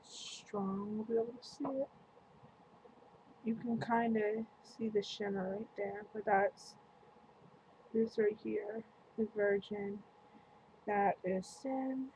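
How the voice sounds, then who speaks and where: A woman talking through a casual makeup product review in a chatty, meandering way. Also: mid-range voice. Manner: chatty, slow and meandering, lots of "like". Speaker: beauty vlogger. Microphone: webcam. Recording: faint room noise on a webcam mic.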